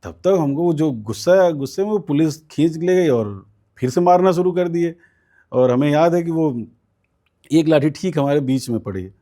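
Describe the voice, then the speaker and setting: This man's voice sits a touch high and sounds mellow and animated, moving at a moderate pace. As a student politician being interviewed, he recounts events at length, peppering them with fillers and quoted speech.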